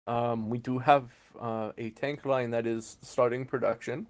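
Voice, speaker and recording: A man's voice: mid-range voice, fairly even intonation, a little slow, natural voice. A man voicing a polite male arms-factory salesman with courteous sales patter in a tabletop game.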